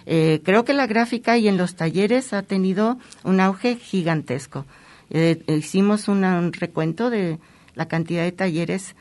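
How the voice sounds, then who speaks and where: A woman's voice: fairly low pitch, unhurried, darkish tone. A woman speaking as a guest in an interview, explaining with enthusiasm. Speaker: printmaking guest. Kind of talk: interview conversation.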